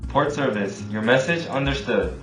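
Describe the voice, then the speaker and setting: A man's voice: medium pitch, moderate pace. Here is a man playing a ship's officer on marine radio, answering port control in strict formal procedure. He reads each instruction back plainly. The sound is roomy, with music underneath. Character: male ship's radio officer, calm and compliant. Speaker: ship's officer of a motor vessel. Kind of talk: scripted maritime radio role-play. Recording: echoey room with music underneath.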